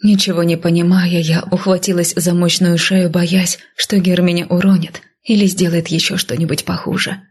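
A woman narrating a first-person novel as an audiobook, in a measured, even reading. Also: lowish voice, husky.

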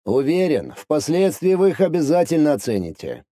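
A composed, secretive man, as a male reader plays him, speaking calmly and a bit condescendingly, as an adult speaks to a child. His mellow, darker voice moves with lively pitch but stays controlled, recorded dry and close. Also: dry recording. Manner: calm, measured, condescending. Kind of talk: audiobook dialogue reading.

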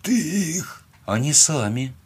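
A man's voice: medium pitch, animated, slow, husky, voice pushed up. A man doing a cold, curt young interrogator. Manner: curt, clipped commands.

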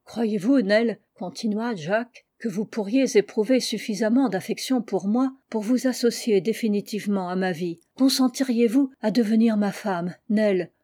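An earnest young male suitor, read by a woman in an audiobook, pressing and then sulking when turned down. The voice is mellow and warm, never sharp, and it rises when the suitor insists. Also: mid-range voice, normal speed, hardly any pauses, natural voice. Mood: pleading. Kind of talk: audiobook character reading.

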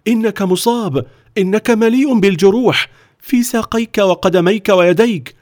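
A man's voice: a little high, expressive, a little fast, dry recording, clean studio sound, voice pushed up. A man voicing a frightened young boy, the son of a count, speaking in an alarmed, pleading way.

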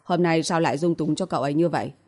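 A woman's voice: low voice, very fast, dark tone. A woman voicing a careless, brash young man who blurts things out, in an audiobook reading. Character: careless young man, loud and easily surprised.

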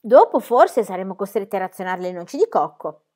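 A woman reading aloud and voicing a bold, cheeky young girl who talks loudly and teases. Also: medium pitch, big pitch swings, fairly quick. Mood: teasing. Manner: loud, exclamatory, teasing.

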